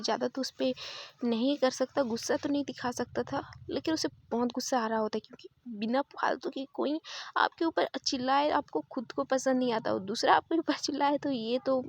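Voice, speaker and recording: Chatty high-voiced woman storyteller. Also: fairly quick, no room sound. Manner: chatty, repetitive fillers. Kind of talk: casual spoken story retelling.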